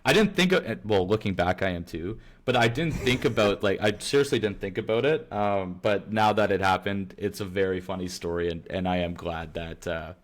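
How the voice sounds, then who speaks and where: Rambling young man, low-ish voice. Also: moderate pace, few pauses, slight background noise. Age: young adult. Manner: rambling, heavy on filler words and self-corrections. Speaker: podcast co-host. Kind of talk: casual storytelling chat.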